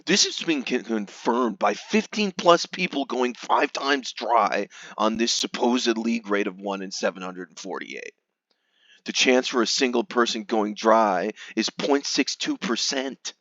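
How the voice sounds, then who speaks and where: A man with a medium-pitched voice delivers a theatrical, hammy reading like a stage actor. He is mock-grave, leaning hard on key words and then dropping to a hush. The sound is dry and close, with a slightly dull top end. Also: expressive, a little slow, no echo. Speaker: reader of a gamer's forum post.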